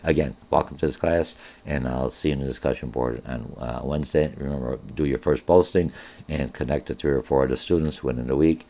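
This Germany-born business instructor, a middle-aged man whose native tongue is Polish, talks fairly quickly in a dark bass voice. His informal online course orientation is peppered with filler sounds.

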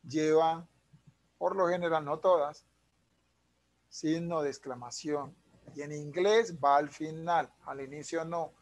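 A man, an English teacher explaining punctuation patiently over a video call. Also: on the high side. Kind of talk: online class explanation.

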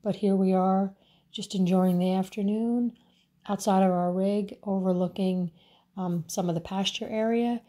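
Relaxed middle-aged woman vlogging outdoors. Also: medium pitch, a little slow. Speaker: travel vlogger. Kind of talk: casual vlog chat. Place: outdoors on a farm pasture.

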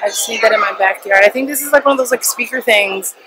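A woman's voice: a little high, fast, heavy background noise. A young woman filming a casual vlog with a handheld camera at arm's length in an indoor shopping mall playground, bubbly and gushing over cute things. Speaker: vlogger. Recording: loud mall ambience behind.

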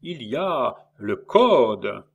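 A man voicing a boisterous, scheming middle-aged traveling salesman who talks loud, theatrical and jovial, in an audiobook reading. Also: mid-range voice, sing-song, extremely slow, vocal fry, highs cut off, full character voice. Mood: boisterous, wheedling.

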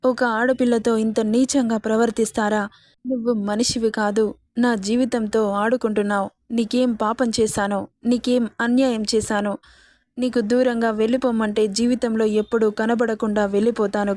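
A woman's voice: a little high, little pitch movement, moderate pace, darkish tone, close to an everyday voice. A woman reading as a frightened, pleading young captive. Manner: pleading, tearful.

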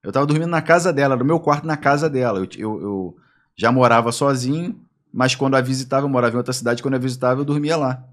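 A man's voice: medium pitch, fast talker. A man with a Brazilian accent telling anecdotes as a podcast guest, acting out the voices in his stories. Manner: animated, acts out voices in anecdotes. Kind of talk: casual storytelling.

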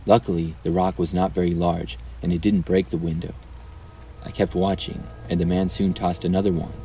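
A man narrating true horror stories in a calm, even storytelling manner. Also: low-pitched, normal speed, a little hiss or hum, rough recording.

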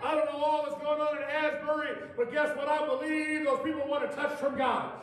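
High-voiced shouting preacher in an echoey church. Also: male voice, flat delivery, brisk, far from the mic. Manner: preaching with rising shouts and playful asides. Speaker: pastor. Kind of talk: revival sermon. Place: church sanctuary, preaching from a pulpit. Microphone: far camera at the back of the sanctuary.

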